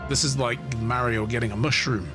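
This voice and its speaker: A man's voice: mid-range voice, fairly even intonation, a little fast, over music. A man giving informal, casual commentary on a story as he reads it, puzzling things out aloud.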